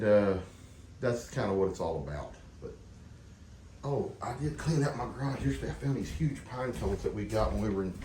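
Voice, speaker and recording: A slightly high-pitched man with a drawl rambles to camera in a relaxed, folksy way, filling gaps with "uh". He is outside on a farm, and faint wind noise hisses under his voice. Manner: folksy, rambling, lots of "uh" and "y'all". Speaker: farm vlogger. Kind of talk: casual vlog talking to camera. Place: outdoors on a windy farm. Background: wind and farm animals.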